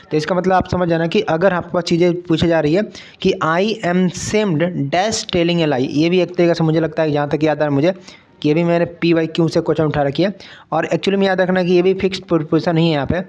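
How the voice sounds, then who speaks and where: Higher-pitched male teacher, muffled recording. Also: darkish tone. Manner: explains step by step, checks understanding often. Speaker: exam prep teacher. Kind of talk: online lesson.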